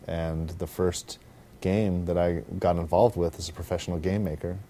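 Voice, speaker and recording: A man, a game developer, reflecting on his career in a measured interview. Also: sits low, level tone, dark tone, slight background noise. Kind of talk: interview recollection.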